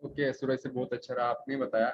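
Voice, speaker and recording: A man's voice: medium pitch, flat delivery, a little fast. A man moderating a live webinar, politely reading out viewer questions and thanking the guest. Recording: dull lo-fi sound with faint noise.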